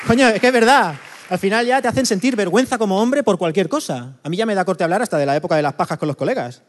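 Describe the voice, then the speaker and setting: A man from doing a stand-up monologue, punchy and chatty with quick asides to the crowd. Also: high-pitched, lively intonation, big-room sound. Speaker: stand-up comedian.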